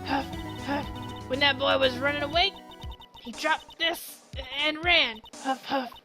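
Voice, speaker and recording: A woman voicing a cranky old woman who huffs and puffs and shouts breathlessly between words. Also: high voice, a little slow, over music. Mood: ranting. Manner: huffing and puffing, breathless shouting. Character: wheezing cranky old woman chasing a boy.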